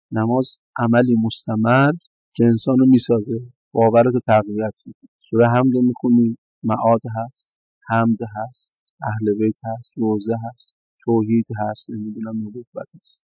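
A middle-aged male cleric delivers a sermon, often repeating phrases for emphasis and slipping into Arabic quotations. His voice is dark and mellow at a middle pitch. The sound is dry and close, with no room echo.

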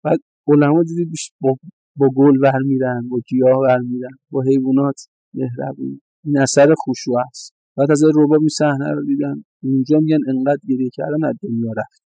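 A middle-aged male cleric delivers a sermon, often repeating phrases for emphasis and slipping into Arabic quotations. His voice is dark and mellow at a middle pitch. The sound is dry and close, with no room echo. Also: fairly even intonation, gravelly.

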